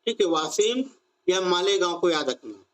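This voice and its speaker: A man's voice: sits high, lively intonation, normal speed, fairly bright tone. A man teaching an online exam-prep class on current affairs, drilling students with repeated questions and stretching out key phrases.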